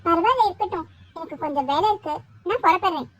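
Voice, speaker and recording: A shy young village woman in a cartoon, voiced very high by a woman. She speaks softly and hesitantly, polite to a fault. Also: lively intonation, fast talker, no echo. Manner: hesitant, soft-spoken. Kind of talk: cartoon voice acting.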